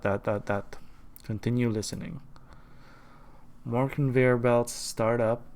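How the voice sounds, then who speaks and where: A man's voice: on the low side, a little mellow. A man streaming a game, chatting casually and reading the on-screen text aloud.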